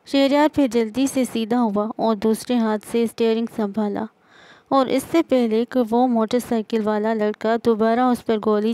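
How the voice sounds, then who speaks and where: A woman reading a novel aloud in steady, scripted narration. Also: on the high side, smooth, dry recording.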